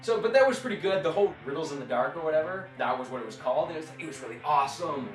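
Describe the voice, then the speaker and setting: Animated guy reviewing a movie, echoey room. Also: on the high side, very fast. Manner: animated, retells scenes with acted-out quotes. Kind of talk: casual chat. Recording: echoey room, far from the mic, faint music.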